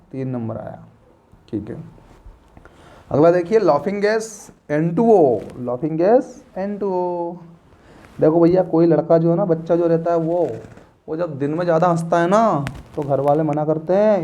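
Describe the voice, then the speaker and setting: A man's voice: fairly high pitch, warm tone. A man teaching a class, playfully repeating memory tricks and quizzing his students. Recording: dull lo-fi recording.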